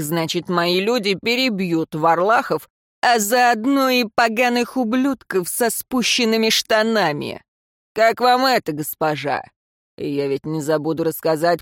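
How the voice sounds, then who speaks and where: A narrator voicing a cruel, scheming male royal advisor who speaks in a slow, mocking way. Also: mid-range voice, no echo, studio quality, lightly acted. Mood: sneering. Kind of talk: audiobook character voice.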